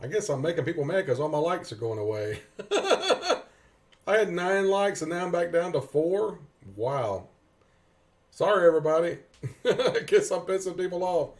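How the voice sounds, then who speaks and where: A man with a Tennessee Southern accent jokes and rambles with viewers while livestreaming a game, chuckling often. His high-pitched voice has lively intonation and a moderate pace.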